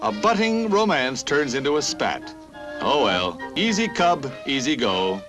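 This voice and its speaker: A man narrating a 1950s newsreel in a brisk, punchy announcer style, dramatic on serious stories and jokey on light ones. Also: mid-range voice, very animated. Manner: brisk, punchy announcer delivery with playful asides. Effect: old newsreel recording. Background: music.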